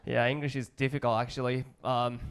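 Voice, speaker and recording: A man from Japan with a strong Japanese accent performs stand-up comedy in simple, halting English, acting out short dialogues. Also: mid-range voice, flat delivery, heavy background noise. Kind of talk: stand-up comedy routine before a live audience.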